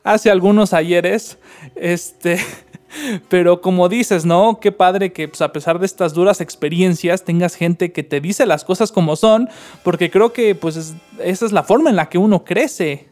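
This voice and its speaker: A man, interviewing a guest in a relaxed, admiring way. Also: sits high, measured pace, faint music behind. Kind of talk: casual interview chat.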